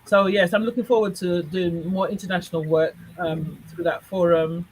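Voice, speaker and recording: A woman guest in casual conversation, chatty and quick to laugh, often restarting her sentences. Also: lowish voice, steady tone, darkish tone, breathy edge, rough recording. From Jamaica. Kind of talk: casual chat.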